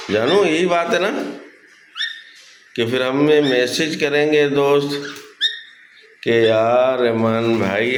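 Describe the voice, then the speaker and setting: A man vlogging casually and talking to his pet parrots in a slow, coaxing way. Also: mid-range voice. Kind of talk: casual vlog talk to pet birds. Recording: echoey room with loud background noise.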